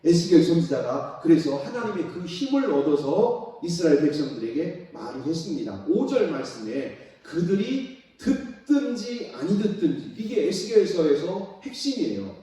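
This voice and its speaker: A man preaching a sermon as a pastor, reading scripture aloud slowly and then voicing God in a soft, close way, having the congregation repeat lines after him. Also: a little high, sing-song. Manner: reads scripture loudly and slowly, then acts out God's voice in soft, intimate speech. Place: large church hall. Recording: echoey church hall, distant mic.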